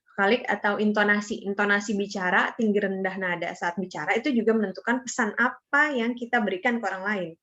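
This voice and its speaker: A young woman gives a student presentation in a relaxed, conversational way. She fills her speech with hesitations and little tag words. Her voice sits at a middling pitch, and the recording sounds a bit dull and lo-fi. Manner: chatty, with many fillers and tag words. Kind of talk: casual explanatory presentation.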